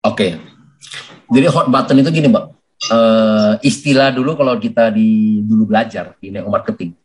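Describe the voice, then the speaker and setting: A man giving a lively sales coaching talk for network marketing, who often addresses his listeners as sir and acts out sales conversations. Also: on the low side, normal speed. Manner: animated, addresses listeners as "Pak" constantly.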